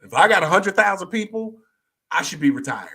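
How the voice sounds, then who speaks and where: A man in his fifties, a life coach hosting a conversation, talking in a playful, animated way with sudden high excited bursts and mimicry. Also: a little fast, noisy background. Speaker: life coach and show host.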